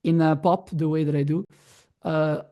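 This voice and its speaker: Gravelly young man, halting speech. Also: on the high side, fairly even intonation, warm tone. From Belgium. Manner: hesitant, many restarts and fillers, non-native phrasing. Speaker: guest musician. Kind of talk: casual interview chat.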